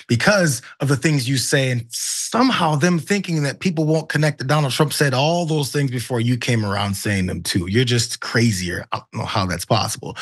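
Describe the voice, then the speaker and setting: Male political co-host, raspy and animated, conversational, emphatic questioning. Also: mid-range voice.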